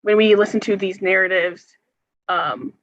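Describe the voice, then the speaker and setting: Young woman, organizer at a forum, earnest, halting with fillers, dull lo-fi sound, dry room. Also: mid-range voice, fairly even intonation, dry recording. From United States. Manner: earnest, hesitant, many ums and likes. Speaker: health care organizer, forum guest speaker. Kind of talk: answering audience questions at a forum.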